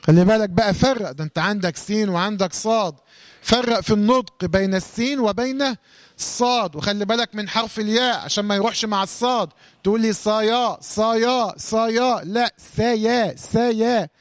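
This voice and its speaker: A man with an Egyptian accent teaching Quran recitation rules, quizzing students, correcting them and reciting verse fragments slowly. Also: high voice. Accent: Egyptian Arabic. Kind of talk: tajweed lesson, call-and-response drilling.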